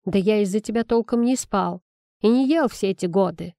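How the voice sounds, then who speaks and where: A woman's voice: medium pitch, moderate pace, warm tone, no room sound, clean studio sound, close to an everyday voice. A woman voicing a plump, melodramatic male magic chipmunk who squeals, whines and huffs. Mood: offended. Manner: squealing, whiny and huffy.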